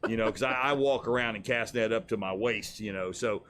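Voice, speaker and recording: A man's voice: lowish voice, a little fast, fairly bright tone. Rambling man telling fishing stories. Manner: rambling, laughing storyteller with restarts. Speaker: co-host. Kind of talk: casual storytelling chat.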